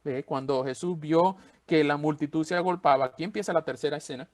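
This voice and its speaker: Man preaching a lively sermon. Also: a little high, fairly quick. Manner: expressive preaching, acting out quoted voices. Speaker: pastor.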